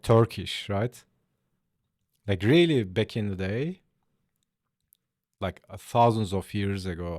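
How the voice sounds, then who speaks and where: Slow, laid-back man on a dry mic. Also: fairly low pitch, darkish tone, no echo. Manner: laid-back, chatty, answers chat aloud. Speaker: art streamer. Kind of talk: casual livestream chat while drawing.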